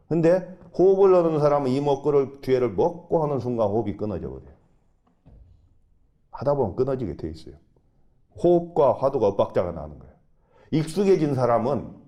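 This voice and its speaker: Mellow-voiced monk giving a sermon. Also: male voice, medium pitch. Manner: emphatic, with sudden rises and soft drawn-out instructions. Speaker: Buddhist monk leading a dharma talk. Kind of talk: sermon with guided meditation. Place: temple dharma hall.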